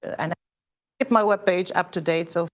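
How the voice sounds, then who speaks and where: A woman professor from Tunisia gives a seminar lecture in a fairly low voice. She talks in a loose, conversational way, stopping often to search for words with fillers. She sounds middle-aged. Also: steady tone, a little fast. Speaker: associate professor giving a lecture. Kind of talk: academic seminar talk.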